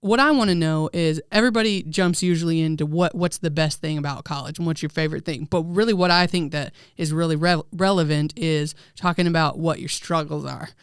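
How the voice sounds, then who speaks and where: A woman's voice: low-pitched, fairly quick, hardly any pauses, smooth, no echo, studio quality. A middle-aged woman hosting a college podcast, upbeat and chatty, with frequent fillers. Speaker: podcast host, student life coordinator.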